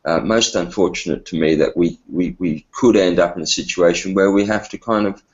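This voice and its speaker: A very deep-voiced man joins a committee discussion over a conference call. He speaks earnestly but hesitantly, restarting his phrases often, and the call audio is dull and lo-fi. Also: steady tone, fairly quick. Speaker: committee member. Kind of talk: meeting discussion.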